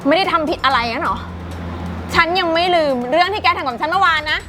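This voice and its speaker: A woman's voice: very high-pitched, fast. A woman playing a snobbish, rude young shopkeeper who insults customers. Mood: scornful. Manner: scornful, shouting insults. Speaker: shop owner's daughter. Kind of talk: short-film drama acting. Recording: music playing underneath. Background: background music.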